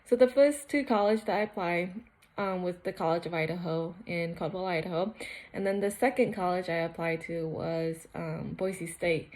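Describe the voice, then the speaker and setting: A woman's voice: lowish voice, normal speed, a little mellow. A young woman from Cambodia sharing her personal faith testimony in a casual, earnest, rambling way with many fillers. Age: young adult.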